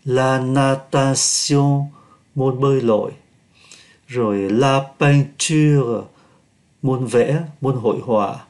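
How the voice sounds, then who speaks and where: Teacher, male, Vietnamese native speaker, patient. Says French words slowly, then explains them. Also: medium pitch, darkish tone. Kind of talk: explaining vocabulary and pronunciation.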